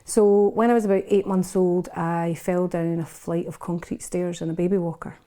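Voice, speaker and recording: A Scottish woman in her fifties, guesting on a podcast, tells her life story frankly and unguardedly in a casual interview, restarting often. Her voice is lowish and mellow, level in tone and moderate in pace.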